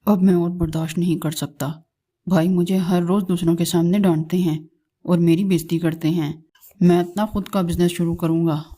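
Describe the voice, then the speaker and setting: A woman's voice: lowish voice, steady tone, normal speed, mellow, close to an everyday voice. A woman voicing a lazy, resentful young male crow in a cartoon, sounding whiny. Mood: sulky.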